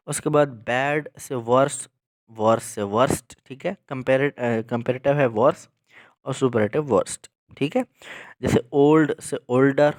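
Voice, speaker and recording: A man's voice: medium pitch, no echo. Dry-sounding man teaching grammar patiently. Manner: patient, repeats 'theek hai' to check understanding; slows down and spells out examples. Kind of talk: explanatory lesson.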